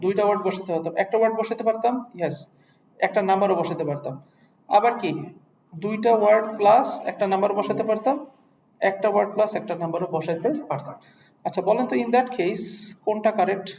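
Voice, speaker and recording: A man's voice: high voice, fast, a little mellow. A man with a Bangladeshi accent teaching an English test class in a classroom, mixing English words into Bengali and often asking the students checking questions. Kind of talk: classroom lecture. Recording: echoey room, faint noise.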